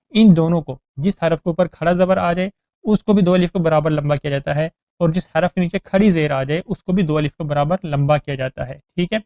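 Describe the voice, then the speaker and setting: A man with a smooth, clear, fairly high voice teaches Quran reading. He explains the rules plainly and spells out letters syllable by syllable. The sound is dry and close, with no room echo. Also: darkish tone. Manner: explains rules in plain talk, then recites verses slowly and melodiously. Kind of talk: Quran recitation lesson.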